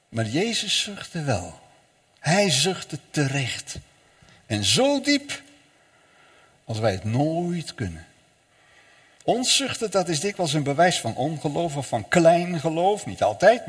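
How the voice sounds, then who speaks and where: Slow, solemn preacher in an echoey church. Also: male voice, fairly high pitch, a bit bright, slightly rough. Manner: slow, solemn preaching with dramatic rises and falls. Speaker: pastor. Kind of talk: sermon.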